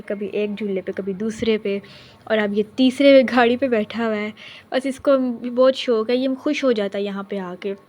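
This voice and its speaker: A woman's voice: fairly high pitch, darkish tone. A young woman narrating her day as a vlogger mother, in a chatty way that speaks straight to her viewers. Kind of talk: casual vlog narration.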